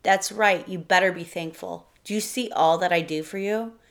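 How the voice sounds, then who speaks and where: Woman reader voicing controlling abusive man, rough, commanding, gravelly. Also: fairly low pitch, moderate pace, close to an everyday voice. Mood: menacing.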